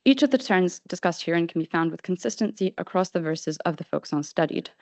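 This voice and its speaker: A woman presenting an academic paper at a conference, reading from a script in a measured way with frequent ums. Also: fairly low pitch, expressive, darkish tone, no room sound. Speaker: conference speaker. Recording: dull, lo-fi sound.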